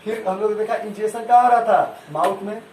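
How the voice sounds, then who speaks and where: A man's voice: sits high, steady tone, fairly quick, darkish tone. A male school science teacher giving a classroom lesson, asking the class questions and having them repeat answers, with homely examples. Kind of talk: classroom lesson with call-and-response. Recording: echoey room, far from mic, noisy.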